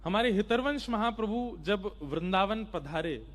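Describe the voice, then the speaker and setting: Emphatic high-voiced male preacher. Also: expressive, unhurried. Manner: addresses listeners directly, emphatic. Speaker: kathavachak storyteller-preacher. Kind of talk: devotional story sermon.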